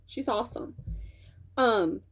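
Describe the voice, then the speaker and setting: A woman's voice: a little high, takes it slowly, breathy edge. Rambling young woman talking movie news. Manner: rambling, self-correcting, with frequent fillers. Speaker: video host. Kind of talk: casual talking-head commentary.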